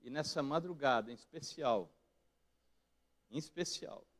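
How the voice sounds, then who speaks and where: A man with a Brazilian Portuguese accent preaching a sermon as pastor in a church, moving between quiet reflective passages and loud emphatic peaks. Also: medium pitch, unhurried. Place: church sanctuary.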